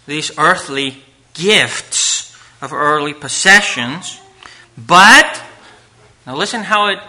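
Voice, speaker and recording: A male preacher speaking into a pulpit microphone, his voice sharp and bright with a slightly raised pitch. He takes his time, earnestly reading scripture and moving between forceful emphasis and quiet asides. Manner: earnest, reads scripture aloud, swings between loud emphasis and hushed asides. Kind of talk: sermon to a live congregation.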